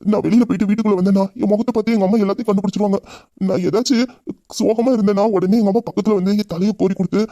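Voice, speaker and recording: Loving young husband voiced by a man, Tamil accent, quick, dark, close dry mic, romantic audio drama. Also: sits high, fairly even intonation, dry recording. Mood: tender. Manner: intimate, heartfelt, rapid talk. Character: grieving young husband Veera, loving and tender.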